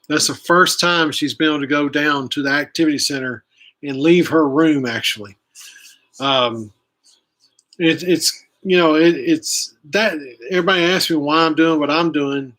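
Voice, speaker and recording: This is a man hosting a casual live stream outdoors, with a fairly high voice and a bright, forceful tone. He rambles in a friendly way, trails off, and backs up to correct himself as he goes. He speaks to a camera that he sets up himself. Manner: rambling, self-correcting, chatty. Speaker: host of a live outdoors channel. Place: outdoors, chilly. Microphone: camera he angles himself.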